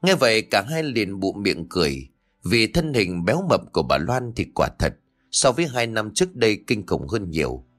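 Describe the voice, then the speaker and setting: A man narrating a comic audio story in an expressive way. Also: fairly low pitch, moderate pace, faint music behind.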